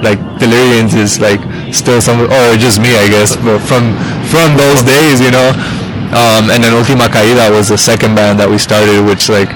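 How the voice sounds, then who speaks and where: Over some background noise, a man in his thirties talks at normal speed with a medium-pitched, fairly even voice. He's a musician being interviewed on a podcast, chatting loosely and rambling, with plenty of fillers and restarts.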